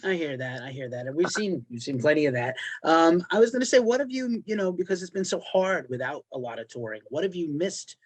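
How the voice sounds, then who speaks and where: A man's voice: a little high, lively intonation, brisk, few pauses. A man interviewing a musician, chatty and joking in friendly banter. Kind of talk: casual interview chat.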